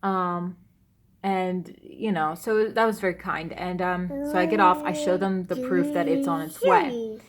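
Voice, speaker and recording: A woman's voice: on the low side, measured pace, a loud crowd. Upset young woman telling a story. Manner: upset, rambling, many restarts and fillers. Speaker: vlogger. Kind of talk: emotional personal storytelling.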